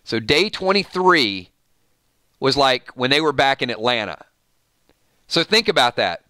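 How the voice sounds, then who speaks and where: A man from Georgia, USA hosts a casual live stream, chatting with viewers in a Southern Georgia accent, rambling, laughing often and reading their comments aloud. His medium-pitched voice is sing-song and sharp, a little slow, with no echo.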